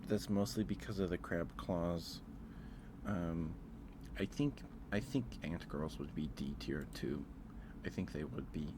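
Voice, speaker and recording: A streamer with a low voice rambles easily, as if on an ASMR stream, stopping and hedging while he reasons things out. Noticeable ambient noise fills the background.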